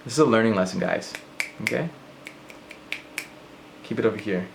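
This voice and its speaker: A man's voice: lowish voice, animated, normal speed, gravelly, slight background noise. A man vlogging in a casual rant to camera, rambling and self-mocking as he jumps between thoughts.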